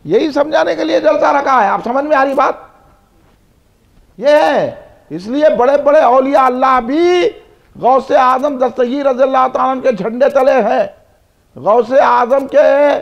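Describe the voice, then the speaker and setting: High-pitched preacher, emphatic. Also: male voice, gravelly, fairly bright tone. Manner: emphatic, repetitive rhetorical lists, prompting the crowd to respond. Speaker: preacher at a religious gathering. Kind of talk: devotional sermon. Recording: dull lo-fi event recording.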